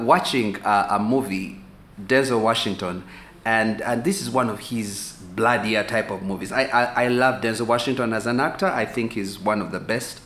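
This is a conversational sermon from a pastor in his forties with a Ugandan accent, who sits on a sofa indoors and talks easily to the camera. He gestures while repeating words, thinking out loud, at a medium pitch. Captured by a camera a few feet off in medium shot, the small room echoes and carries a faint hiss.

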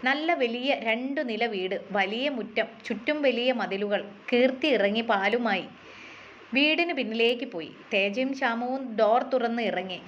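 A woman narrating a story in a steady, measured reading voice. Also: on the high side. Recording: dull lo-fi with faint hiss.

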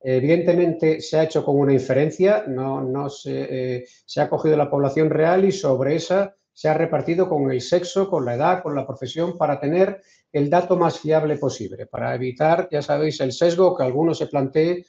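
Man, Peninsular Spanish accent, online lecture, measured with restarts, echoey room, dull call sound. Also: a little high, creaky, mellow. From Spain. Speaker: invited speaker. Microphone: video call. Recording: roomy, dull video call audio.

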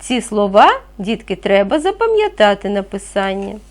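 A woman teaching a reading lesson to young children, speaking clearly and patiently, asking them questions as she goes. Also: mid-range voice, big pitch swings, normal speed. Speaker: primary school teacher.

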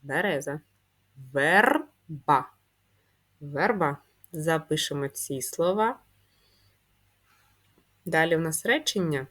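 Slow, patient woman teaching young children. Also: deep voice. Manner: patient, drawn-out, answers her own questions. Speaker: primary school teacher. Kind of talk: slow, clearly spelled-out handwriting lesson.

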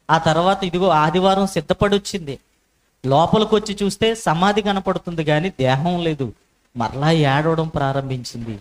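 A man's voice: a little high, low-quality recording. A male preacher delivering a sermon with emphatic repetition and rhetorical questions.

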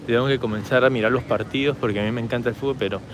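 A man with a Peruvian Spanish accent, hoarse from shouting, chatting casually to his handheld camera as he walks through a city park at night. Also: medium pitch, fairly even intonation, racing, background noise. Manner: chatty, rambling, talks straight to camera while walking. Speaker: travel vlogger. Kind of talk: casual walking vlog.

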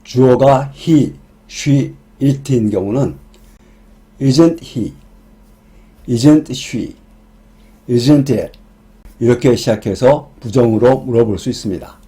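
Man, English grammar teacher, slow deliberate delivery, dark mellow voice. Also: mid-range voice. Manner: reads English example sentences very slowly and deliberately. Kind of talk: scripted grammar lesson.

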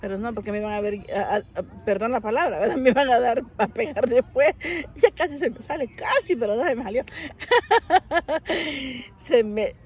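Chatty woman telling a story, high voice. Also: normal speed, pauses often, slightly rough. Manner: animated, addresses listener formally as usted; frequent laughter while telling the story. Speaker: vlogger. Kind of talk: casual storytelling to camera.

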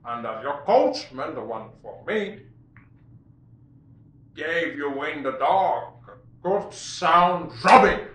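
Echoey classical stage monologue, deliberate young man. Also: fairly high pitch, fairly bright tone. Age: 20s. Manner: theatrical, deliberate, with dramatic pauses. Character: frank, mocking male servant addressing his miserly master. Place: small bare room indoors. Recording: echoey room.

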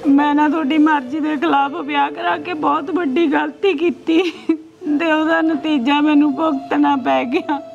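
A woman's voice: high voice, steady tone, moderate pace, creaky, highs cut off. An actress with a Punjabi accent playing a young married daughter who pleads tearfully with her father.

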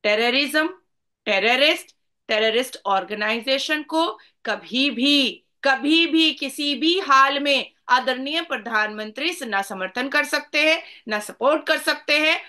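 A woman's voice: sits high, measured pace, bright, forceful tone. A woman speaking as a debate panelist in a formal, declamatory way with respectful honorifics.

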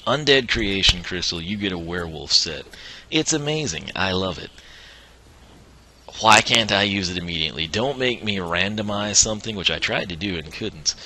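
Over a bit of hiss or hum, a man with a low, sharp voice plays a video game on stream at normal speed. He's animated and chatty, rambling through casual let's-play commentary, chuckling a lot even as his voice gives out.

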